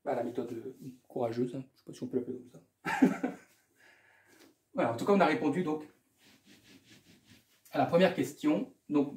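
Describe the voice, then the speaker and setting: A man's voice: a little high, mellow, reverberant. A man tutoring math, working through an exam problem aloud in a casual way, repeating himself and adding small asides. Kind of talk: explaining a math exam correction.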